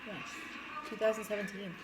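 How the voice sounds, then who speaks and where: A woman co-hosting a livestream, chatting casually and haltingly over a meal, sometimes repeating her phrases. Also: medium pitch, fairly even intonation, noisy background. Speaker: co-host of a livestream mukbang.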